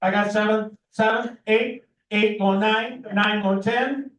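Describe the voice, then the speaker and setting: A man's voice: sits high, steady tone, slow pace, a bit bright, a little hiss or hum. An American man working as an auctioneer, calling bids in a rhythmic, repetitive chant of numbers. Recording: echoey room, distant microphone.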